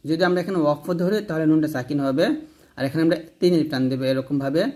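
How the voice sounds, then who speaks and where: A man teaching recitation, spelling out words letter by letter and drawing the syllables out, then explaining rules more briskly. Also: on the high side, a little mellow. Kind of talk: slow spelled-out recitation lesson.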